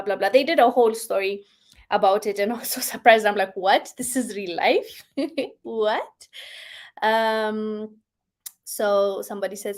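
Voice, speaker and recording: An expressive woman hosts a casual talk, reading viewer comments aloud and answering them. Her voice sits at an ordinary middle pitch. She laughs often and moves between quiet, soft remarks and bursts of excitement. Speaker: host.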